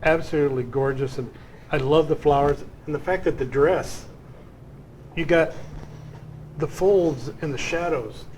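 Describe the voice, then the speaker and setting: A man's voice: fairly high pitch, a little slow, pauses often, a little mellow, slight background noise, low-quality recording. A man hosting an art showcase, chatting effusively with a guest about her paintings. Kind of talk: casual interview.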